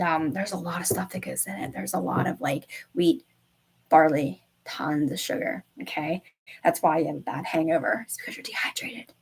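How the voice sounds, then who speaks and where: A woman's voice: mid-range voice, creaky, breathy edge, low-quality recording. A woman wellness coach giving a casual live-stream talk to viewers, chatty and often tagging lines with a questioning "okay?".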